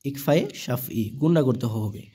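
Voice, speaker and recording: A warm, slightly rough, medium-pitched voice with lively intonation and a normal speed belongs to a Bangladeshi Bengali-accented man teaching Quran reading. He goes slowly, letter by letter, voicing each syllable and then drawing out the joined word.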